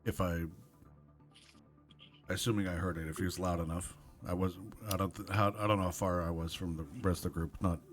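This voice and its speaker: A man's voice: deep voice, little pitch movement, brisk, soft background music. A man playing a tabletop role-playing game, speaking in a rambling, casual way and laughing easily. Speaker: player.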